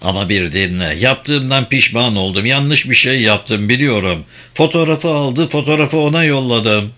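A male audiobook reader voicing a guilty young man who speaks low and quietly, close to a whisper. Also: moderate pace, close to an everyday voice. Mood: guilty, serious. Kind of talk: audiobook character voice.

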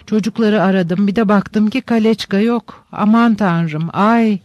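Guy doing a sobbing mom begging for help, fast and frantic, high-ish voice, dry close sound. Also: no room sound, highs cut off. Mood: sobbing pleading. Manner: sobbing, rapid pleading speech. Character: distraught older mother, sobbing and pleading.

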